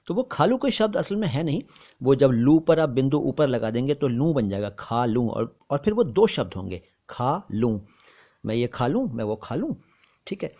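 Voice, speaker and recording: Male language tutor, even-pitched, careful and repetitive, explanatory lesson delivery. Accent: Hindustani with careful Urdu pronunciation. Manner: careful, repeats words slowly for contrast. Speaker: language teacher.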